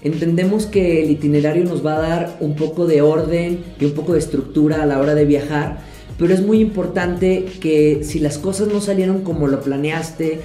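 Young man, relaxed vlogger, warm mellow voice, echoey room, light music. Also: a little high, moderate pace. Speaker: travel vlogger. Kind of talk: casual advice to camera. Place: living room, indoors.

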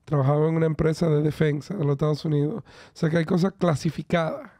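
A man's voice: fairly high pitch, fairly even intonation, quick pace, warm tone, dry recording, studio quality. Man hosting a podcast. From Dominican Republic. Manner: friendly, mixes in English phrases. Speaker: podcast host. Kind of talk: casual podcast interview.

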